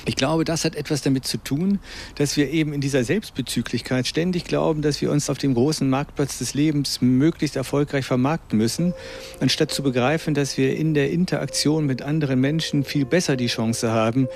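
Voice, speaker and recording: A man's voice: on the high side, brisk, darkish tone, a little hiss or hum. A man, an interviewed expert, giving a thoughtful, lecturing explanation. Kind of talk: reflective explanation.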